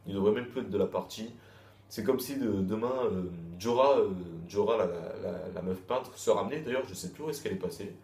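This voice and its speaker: A man with a lowish, darkish voice and vocal fry reviews a manga chapter a little fast. The review is casual and repetitive, with many restarts and crude slang, captured in an echoey room with faint background noise.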